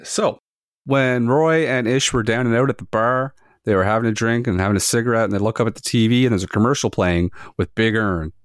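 A man runs a loose trivia quiz for friends on a podcast, reading each question and its options in a relaxed way. His voice is mid-pitched and close, with a dry, roomless sound. He swears casually between questions. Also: a little fast, dry recording.

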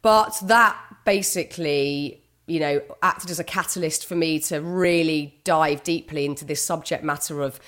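A middle-aged woman, a guest author and broadcaster, talks candidly in a conversational interview, her low voice earnest, a little husky, and a bit bright, at normal speed. She often restarts her sentences and voices her inner thoughts as quotes.

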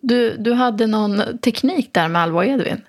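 A woman's voice: on the high side, animated. A woman co-hosting a casual talk, reflective and sometimes losing her thread. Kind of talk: casual chat.

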